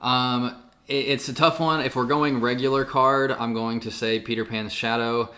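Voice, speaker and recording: A man's voice: medium pitch, steady tone, moderate pace, pushed and bright. A man co-hosting a podcast, chatting casually with lots of fillers and restarts. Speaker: podcast co-host. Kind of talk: casual chat.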